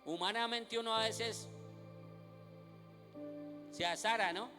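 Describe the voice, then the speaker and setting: A man's voice: sits high, steady tone, slow pace, pushed and bright. A man preaching a sermon at a night vigil, reading scripture aloud and asking the congregation questions that he then answers himself. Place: church during a night vigil. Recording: reverberant church hall with music behind.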